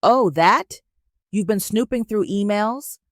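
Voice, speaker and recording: A woman voicing a smug, condescending middle-aged stepmother who talks in a sharp, dismissive way. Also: mid-range voice, lively intonation, moderate pace, no room sound, studio quality, close to an everyday voice.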